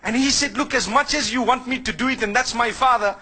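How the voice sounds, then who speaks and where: A man's voice: extremely high pitch, fairly quick, pushed and bright, poor audio. A man from Zimbabwe giving a sermon as an Islamic preacher, speaking conversationally and putting questions to the listeners before answering them himself.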